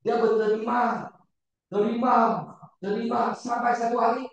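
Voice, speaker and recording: A man preaching a sermon to a congregation, repeating words and shouting for emphasis, often putting questions to his listeners. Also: very high voice, little pitch movement, measured pace, gravelly, dull audio, a little hiss or hum. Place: church hall. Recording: very echoey church hall, far from the mic.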